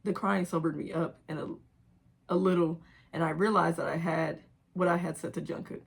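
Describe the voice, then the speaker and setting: A woman's voice: lowish voice, fairly even intonation, normal speed, gravelly, slightly rough. A young woman reading her own old writing aloud in an embarrassed, giggly, self-mocking way, casually breaking off to comment. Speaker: reader of own old fan fiction.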